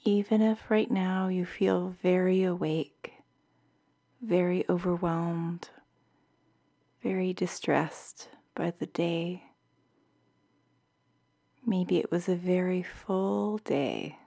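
A woman guiding a bedtime meditation in a soft, soothing, half-whispered voice, like a sleep story narrator. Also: on the low side, fairly even intonation, slow, vocal fry, pauses often. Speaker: meditation guide.

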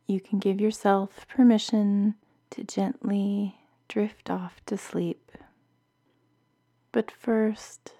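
A woman guiding a bedtime meditation in a soft, soothing, half-whispered voice, like a sleep story narrator. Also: mid-range voice. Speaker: meditation guide.

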